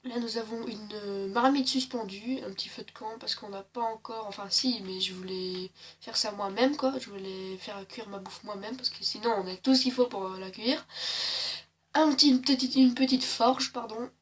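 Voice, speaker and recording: A woman's voice: medium pitch, normal speed, breathy edge. Chatty woman doing gameplay commentary. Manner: chatty and joking, with many hesitations. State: slightly sore throat. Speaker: gaming channel host.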